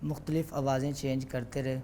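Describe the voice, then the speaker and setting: Young male guest mimic, relaxed storyteller, middle pitch. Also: a little hiss or hum. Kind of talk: casual interview chat.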